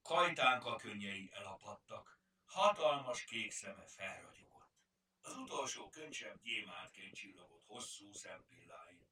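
A man narrating a children's audiobook in a measured storytelling manner. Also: on the low side, expressive, pushed and bright, slight background noise. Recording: roomy, distant mic.

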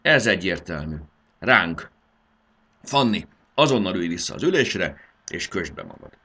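A man reading aloud and voicing an eager young boy at the wheel, talking in excited exclamations. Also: deep voice, creaky, husky, heavily acted. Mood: excited, worried.

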